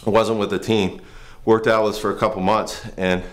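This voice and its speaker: A man with a fairly low voice talks through band exercises in a garage. He explains things earnestly and casually, often restarting his sentences as he goes. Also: level tone, moderate pace. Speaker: firefighter and trainer. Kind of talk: casual instructional demo. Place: home garage gym.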